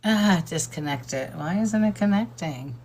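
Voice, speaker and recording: Low-voiced older woman chatting slowly. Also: animated, darkish tone. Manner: chatty, laughs often, greets viewers by name; admits nervousness about reading aloud. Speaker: host of a live stream. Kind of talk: casual live-stream chat.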